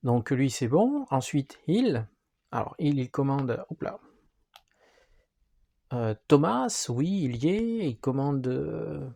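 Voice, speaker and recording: A man's voice: medium pitch, big pitch swings, takes it slowly, creaky, warm tone. A man walking through the rules of a wargame, talking hesitantly with frequent fillers as he handles the pieces. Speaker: board game presenter.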